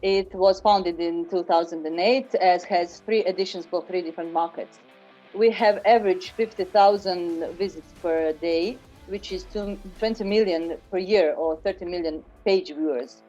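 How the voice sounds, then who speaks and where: Brief: woman editor, low and warm, dull call sound. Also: moderate pace, faint music behind. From Croatia. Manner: matter-of-fact, hesitant fillers. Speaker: agriculture web editor.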